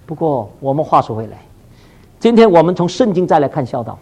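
A man preaching a sermon, animated and full of rhetorical questions to his listeners, with short English phrases dropped in. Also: fairly high pitch, fairly quick, breathy edge. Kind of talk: sermon to a congregation.

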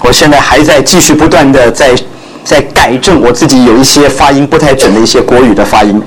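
An older man, a pastor, preaching through humorous personal stories and pausing for an interpreter. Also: medium pitch, poor audio. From born in Guangdong, raised in Shanghai, later Taiwan.

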